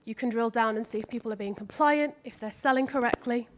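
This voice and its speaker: A woman with a high voice presents a live software demo. She talks briskly through each feature. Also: noisy background. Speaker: app presenter.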